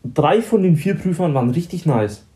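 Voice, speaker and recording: A young man chats casually and tells a story, slipping into slang and playing out the dialogue himself. His voice is dark and mellow, with no strain. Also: a little high, expressive, moderate pace. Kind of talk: casual chat.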